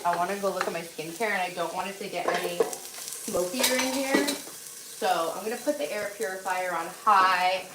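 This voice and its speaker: A woman live streamer chatting casually from home on a phone, blunt and easily sidetracked as she talks to viewers. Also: medium pitch. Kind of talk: casual rambling chat with viewers. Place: indoors at home, moving between rooms. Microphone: phone, moving around. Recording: faint background noise.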